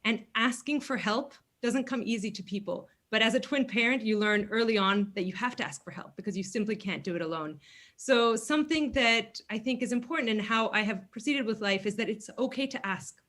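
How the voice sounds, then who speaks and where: Speaking a little fast in a slightly high, fairly bright voice, a Greek woman in her thirties answers questions as a congressional candidate. The virtual forum comes through a video call, and she's earnest, with frequent fillers.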